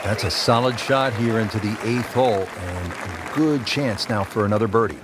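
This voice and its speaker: Man, golf commentator, play-by-play calls, prominent background music, loud crowd. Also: fairly low pitch, normal speed. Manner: addresses co-commentator with questions and short descriptive calls.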